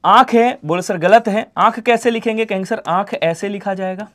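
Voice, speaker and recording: A man teaching an online Hindi exam-prep class, who answers his own questions in the voice of his students and lets the ends of his sentences fall quiet. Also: high-pitched, normal speed. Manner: repeats answers in imagined student replies, drops to quiet trailing endings.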